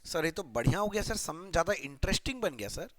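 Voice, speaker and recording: Young guy teaching accounts, bright voice that jumps all over, playful, mutters to himself while writing. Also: fairly high pitch, lively intonation, brisk. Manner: chatty and playful, asks students questions, mutters while writing. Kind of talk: casual classroom lecture.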